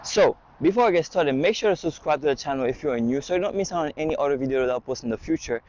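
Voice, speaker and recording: A man giving an excited, casual car walkaround review outdoors at a dealership, a little out of breath in the heat. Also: mid-range voice, dull audio. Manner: excited, enthusiastic hype talk.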